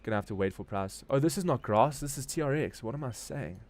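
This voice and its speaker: Here the crypto trading stream host from Durban, South Africa, sounds mid-range and darkish in tone, with lively intonation and a quick pace. He riffs casually on the market in real time, slangy and informal, thinking aloud in his South African accent.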